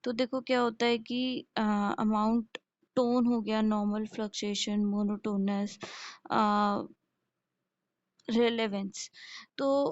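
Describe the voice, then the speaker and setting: Slow, flat-voiced woman lecturing. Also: medium pitch, no echo. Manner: explains step by step, poses questions and answers them, often checks in with listeners. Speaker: nursing lecturer. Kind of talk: classroom lecture. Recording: dull lo-fi recording.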